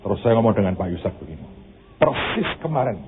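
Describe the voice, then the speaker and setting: A man's voice: fairly low pitch, very animated, fast, phone-quality sound, a little hiss or hum. A man preaching a sermon as pastor, moving between preaching and a casual, storytelling anecdote.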